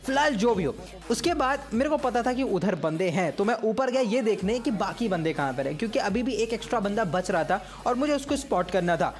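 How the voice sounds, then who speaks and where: A man giving casual, joking commentary over footage of his own mobile game match. He speaks at an ordinary pitch and keeps addressing viewers as brothers. Faint music plays under his voice. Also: expressive, brisk, hardly any pauses. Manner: chatty, teasing, keeps saying "bhai sahab".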